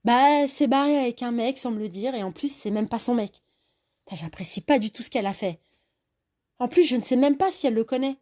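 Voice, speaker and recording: A woman voicing a young female student who is blunt and quick-tempered, with exasperated sighs. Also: medium pitch, dark tone, natural voice. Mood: annoyed. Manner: exasperated, sighing. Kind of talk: storytelling voice acting.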